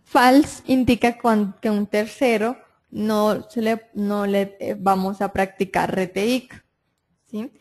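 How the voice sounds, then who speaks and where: Brief: woman, software tutorial voice, steady step-by-step explaining, mid pitch. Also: slow. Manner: step-by-step explaining, frequent "entonces" and "listo", checks with "¿sí?". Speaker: software trainer. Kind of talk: screen-recorded software tutorial.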